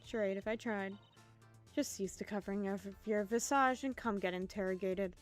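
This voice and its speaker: A woman's voice: mid-range voice, fairly even intonation, normal speed, faint music behind, natural voice. A woman voicing a haughty, impatient young woman who talks down to others in a curt manner. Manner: curt, condescending.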